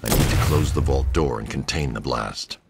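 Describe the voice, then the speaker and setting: A man's voice: very deep voice, moderate pace, heavy background noise. An actor playing Batman, a terse, grim male vigilante giving commands in a video game.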